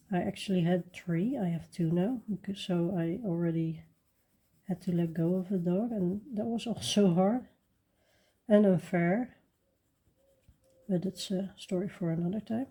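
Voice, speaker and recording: A woman chatting casually while she colors, soft-spoken and rambling with fillers and restarts. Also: fairly low pitch, breathy edge. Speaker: coloring channel host.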